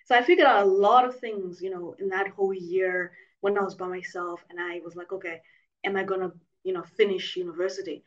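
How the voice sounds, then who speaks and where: A woman's voice: medium pitch, steady tone, a little fast. Woman from Zimbabwe on a distant call. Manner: reflective, chatty storytelling with many fillers. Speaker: guest. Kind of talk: casual remote interview. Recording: distant, dull lo-fi remote call audio.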